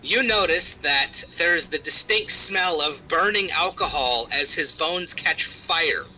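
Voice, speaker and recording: A man's voice: a little high, lively intonation, takes it slowly, pushed and bright, soft background music, rough recording. A man narrating as game master of a tabletop game, loose and full of fillers.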